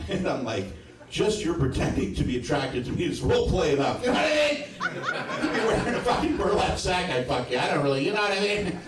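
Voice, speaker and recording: A man's voice: fairly high pitch, expressive, a little fast, noisy background. Stand-up comic, male, fifties, crude and rambling, heard from back in a roomy club. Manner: crude, rambling, with frequent asides to the audience. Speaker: stand-up comedian. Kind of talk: live stand-up set. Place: comedy club stage. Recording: roomy, distant club recording.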